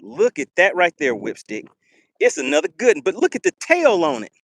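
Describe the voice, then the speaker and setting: A man commentating a live fishing stream to his chat from a boat on a lake, excitable and teasing, laughing often. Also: sits high, moderate pace, dry recording.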